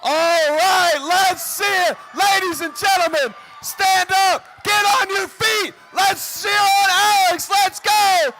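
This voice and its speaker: A man announcing a powerlifting meet live, working up the crowd like a showman with booming calls, drawn-out numbers and urging. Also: fairly even intonation, bright, forceful tone, shouting, rough recording. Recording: crowd noise in a live venue.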